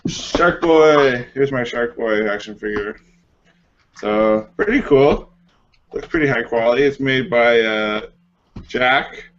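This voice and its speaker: A man's voice: medium pitch, measured pace, long pauses, a little hiss or hum. Easygoing man on a muffled podcast. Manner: easygoing, says "like" a lot. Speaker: podcast co-host. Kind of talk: casual chat. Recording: dull lo-fi home recording.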